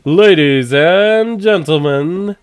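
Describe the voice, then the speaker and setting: A man voicing a grandiose stage magic show announcer in a game, theatrical and drawn-out. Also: on the high side, clear, resonant tone, pitched above the performer's own voice. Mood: grand, ominous.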